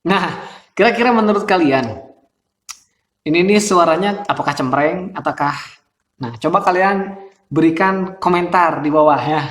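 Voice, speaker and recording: A man's voice: a little high, normal speed, pauses often, fairly bright tone. Chatty man with a thin, reedy voice. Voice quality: describes his voice as thin and reedy. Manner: chatty, laughs often, many fillers. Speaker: host. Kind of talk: casual explanatory talk. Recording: roomy echo.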